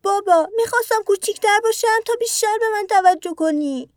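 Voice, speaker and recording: A woman's voice: very high voice, darkish tone, dry recording, studio quality, pitched above the performer's own voice. A woman voicing a young boy kangaroo in a children's audio story, in a raised childlike voice. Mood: anxious, pleading.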